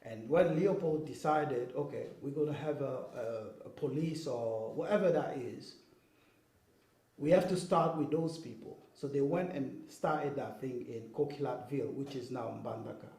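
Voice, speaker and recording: At a normal speed, a man with a medium-pitched, slightly mellow voice gives an earnest, explanatory interview. He's from Kinshasa, Congo, and often makes sure he's understood by asking "okay?" and "you know what I mean?", while the room adds a roomy echo.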